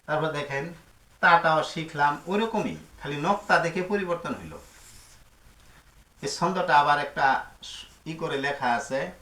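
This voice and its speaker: A man's voice: a little high, lively intonation, unhurried, pauses often, bright, forceful tone. A man teaching Quran letters and their pronunciation, patiently repeating each sound and asking his pupils questions. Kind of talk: slow, repetitive step-by-step teaching. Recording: roomy echo.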